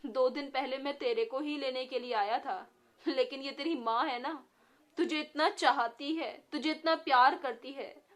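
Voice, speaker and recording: A woman voicing a calm, firm male god of death who speaks steadily and gently insists. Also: sits high, measured pace.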